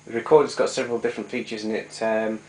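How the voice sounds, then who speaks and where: Over a clearly noisy recording full of clicks, a fairly low-pitched man speaks quickly and flatly. He's a hobbyist showing off his vintage tape recorder in a casual, hands-on way, hesitating and frequently correcting what he says.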